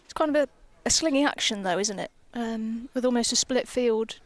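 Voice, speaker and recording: A woman's voice: a little high, moderate pace. Playful young woman cricket co-commentator. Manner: playful, chatty, teasing. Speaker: professional cricketer as guest co-commentator. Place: outdoors under a gazebo at a cricket ground. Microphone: headset.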